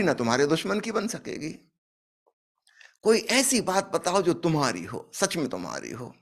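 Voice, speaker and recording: A man giving a spiritual discourse, telling a parable and acting out its dialogue with emphatic rises. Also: a little high. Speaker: spiritual speaker.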